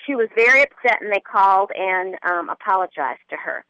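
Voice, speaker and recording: A woman's voice: mid-range voice, expressive, a little fast, pushed and bright, no echo. A woman guest on a political talk radio show, speaking earnestly and growing indignant. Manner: earnest, rising to indignant emphasis. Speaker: guest commentator. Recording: muffled phone-line audio.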